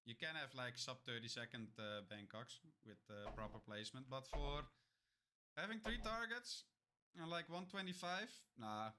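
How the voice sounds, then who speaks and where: A man's voice: medium pitch, animated, normal speed, bright, forceful tone, clean tone. A man casually talking through his own speedrun for his stream, loose and rambling with many fillers. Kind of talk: casual chat.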